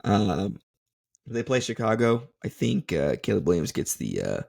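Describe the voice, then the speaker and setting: A man's voice: on the low side, wildly swooping pitch, a little slow, gravelly, darkish tone. A man co-hosting a casual sports podcast, making confident, joking predictions with lots of ums and uhs. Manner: bold, joking predictions with many fillers. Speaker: podcast co-host.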